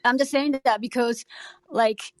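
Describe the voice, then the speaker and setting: A woman with a Japanese accent chats casually in a panel. Her voice is fairly high and the sound is dry. She speaks in a hesitant, apologetic way. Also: fairly even intonation, unhurried, no room sound. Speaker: podcast panelist. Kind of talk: casual chat.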